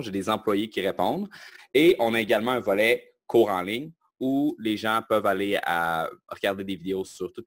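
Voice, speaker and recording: A man from Quebec with a Québécois French accent, speaking as a guest and explaining his work in a self-assured, lively way. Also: on the low side, no room sound. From Quebec, Canada. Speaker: guest, online marketing entrepreneur. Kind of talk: casual interview talk.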